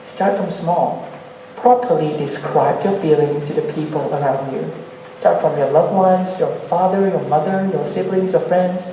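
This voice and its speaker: A man's voice: a little high, normal speed, mellow, slight background noise. A man giving an earnest motivational talk on stage, asking the audience rhetorical questions. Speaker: speaker at a youth ideas meetup. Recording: echoey hall, voice from far off.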